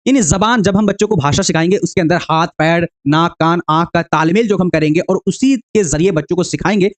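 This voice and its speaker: A teacher with a strikingly high voice runs a brisk exam-prep lecture, solving each question step by step. He raises rhetorical questions and answers them himself, repeatedly calling his viewers dear friends and checking in with a frequent "okay."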